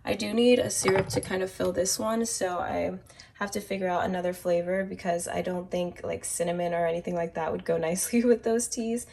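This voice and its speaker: This young woman speaks quickly in a lowish, darkish voice with vocal fry and fairly even intonation. She's a lifestyle vlogger, a bit stuffy from a cold, cheerfully recommending her favorite products during a casual walkthrough of her apartment kitchen.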